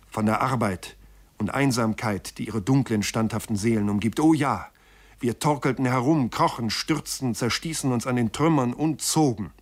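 A man reads an old sea tale aloud in a steady, mid-pitched voice. His telling is measured and dramatic, and he often turns to the listeners with asides as he spins the story. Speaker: narrator. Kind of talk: audiobook reading of a first-person sea tale.

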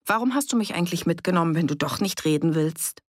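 A woman voicing a sharp-tongued young woman accused of being a witch, defiant and cutting, in an audiobook. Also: on the low side, lively intonation, fast, dry recording, clean studio sound.

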